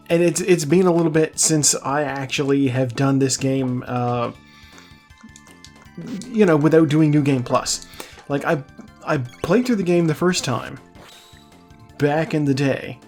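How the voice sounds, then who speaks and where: A man rambles through casual gameplay commentary, often backtracking and correcting himself. His voice sits at an everyday middle pitch. Faint game music plays quietly behind him. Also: unhurried, pauses often. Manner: rambling, self-correcting, chatty. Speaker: let's play host.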